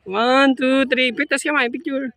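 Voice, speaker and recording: A woman travel vlogger giving excited on-the-spot commentary with frequent shouts. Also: high voice, unhurried, noisy background.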